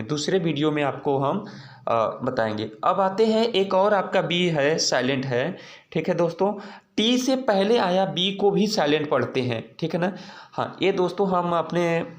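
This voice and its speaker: A teacher giving a casual spoken lesson on silent letters in English spelling. The teacher keeps asking rhetorical questions, answers them, and checks in with viewers as friends. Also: medium pitch. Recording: roomy echoey room.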